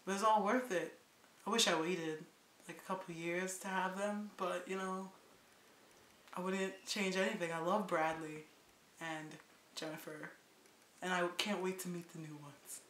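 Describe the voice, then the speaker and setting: A woman's voice: fairly low pitch, fairly even intonation, a little slow, long pauses, a bit bright, slight background noise. A young woman filming a home video with her sister, chatting casually and playing at being a mock-serious parent. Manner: playful, mock-serious, laughs often. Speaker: student filming a home documentary. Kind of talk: casual home-video chat with mock-dramatic role-play. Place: home room. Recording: echoey room.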